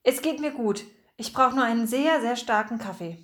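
A jittery woman shop helper, as a woman reader puts her on in a children's audiobook. Her voice is high, shaky and a little shrill. She sounds nervous and eager to be believed. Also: moderate pace, natural voice. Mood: anxious.

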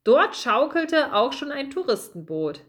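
A woman with a fairly high voice reading a children's story aloud. Her narration is expressive and lively, with a clear storytelling tone. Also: measured pace.

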